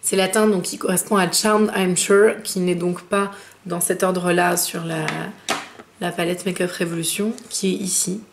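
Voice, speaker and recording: A woman's voice: fairly low pitch, level tone, a little hiss or hum. Chatty woman reviewing makeup. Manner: chatty, fillers, slows down when naming shades. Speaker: beauty vlogger.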